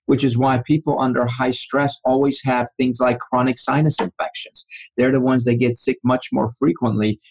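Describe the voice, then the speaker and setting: A man in his forties from Iran is a guest in a storytelling interview, earnestly recounting memories and often restarting his sentences. His voice is medium-pitched and a little mellow, and the audio quality is poor.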